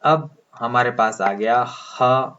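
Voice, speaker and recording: Slow, deliberate teacher, muffled audio. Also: male voice, medium pitch, bright, forceful tone, slight background noise. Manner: slow, deliberate, drawing out sounds as he writes symbols. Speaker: English pronunciation teacher. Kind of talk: explaining lesson, speaking Hindi. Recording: dull lo-fi sound.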